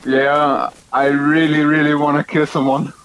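A man's voice: on the high side, level tone, measured pace, crowd noise, low-quality recording. A German man speaking English with a German accent, chatting casually and a little hesitantly while playing an online game, in a joking manner.

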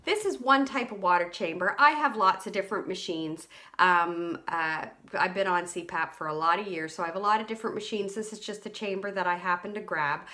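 A woman's voice: medium pitch, brisk, sharp tone. A woman in her forties, a sleep clinic educator, giving a casual, practical how-to demonstration from a small room, repeating key points for emphasis. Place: small indoor room, seated at desk.

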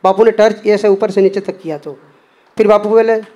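A man with a noticeably high voice recounts a personal devotional experience. He tells it earnestly and slips into the voices of the people he quotes. The delivery is plain spoken testimony, not a reading. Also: steady tone, fairly quick, dark tone, dull audio. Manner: earnest retelling that acts out quoted dialogue.

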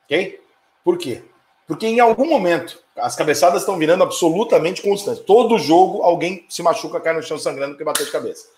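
A faint hiss or hum sits under this slightly high, animated, darkish voice, recorded in an echoey room. The middle-aged host, with a Brazilian Portuguese accent, reads viewer comments on his live stream and answers in a quick-tempered, profane tirade.

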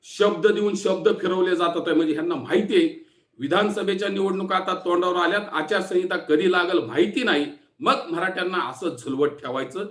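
A man's voice: high-pitched, brisk, a bit bright, echoey room. A man from Maharashtra with a sore throat, giving an angry, taunting political warning speech. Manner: fierce, taunting, threatening. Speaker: activist speaking to camera.

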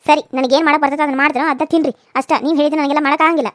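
A woman voicing a shrill, defiant village bride. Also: fairly even intonation, no room sound, clean studio sound, lightly acted. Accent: North Karnataka Kannada. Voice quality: sharp, quick retorts. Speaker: voice actor. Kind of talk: cartoon serial voice acting.

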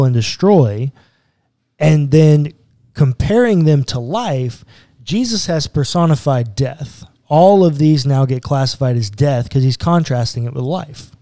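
A male pastor with a dark yet somewhat high-pitched voice teaches earnestly on a Bible podcast conversation, explaining step by step and posing rhetorical questions. The studio-quality recording is dry, made with a boom mic close up in a small studio room with bookshelves.

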